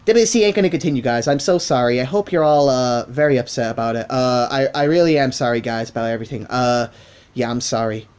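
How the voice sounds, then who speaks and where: A man's voice: mid-range voice, quick pace, a little mellow, clear, resonant tone, pitched below the performer's own voice, natural voice. Man putting on a mock-sorry American guy. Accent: put-on American.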